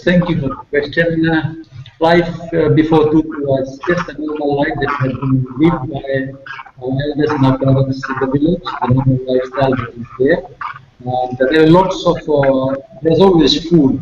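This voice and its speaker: A man from Fiji, answering questions on a video call with earnest, grateful, slow explanations. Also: mid-range voice, steady tone, a little mellow, slight background noise. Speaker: guest. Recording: echoey, distant, muffled video call.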